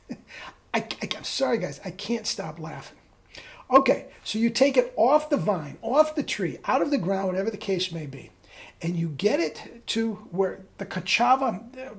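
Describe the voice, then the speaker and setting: Brief: woman weight-loss coach, mocking rant, animated high voice. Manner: scornful, mocking, laughs at own rant. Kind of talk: ranting video monologue.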